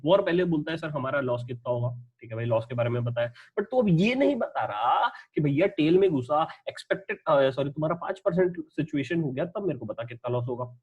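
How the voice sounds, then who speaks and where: भारी आवाज़ वाला जोशीला हिंदी शिक्षक. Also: male voice, a little high, breathy edge. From India. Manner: lively, conversational, asks and answers his own questions; reads English lines slowly. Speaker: teacher. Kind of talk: exam-prep lecture.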